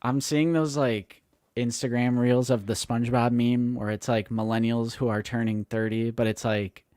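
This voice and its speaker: A man in his late twenties co-hosts a toy-collecting live stream, chatting casually, joking with animation, and acting out quotes. His mid-range voice moves at a moderate pace with a clean tone. The studio sound is clean, with no room echo.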